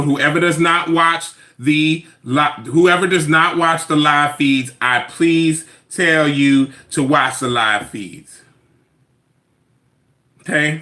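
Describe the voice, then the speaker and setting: A man recapping a reality show in casual, sassy commentary, animated and repeating his phrases for emphasis. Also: on the high side.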